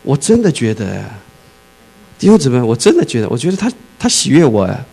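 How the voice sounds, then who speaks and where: A male pastor preaching a sermon, reading scripture slowly, then joking and acting out scenes, with English words mixed into his speech. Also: medium pitch, creaky, slightly rough, poor audio. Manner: animated, shifts from slow scripture reading to lively jokes and shouting.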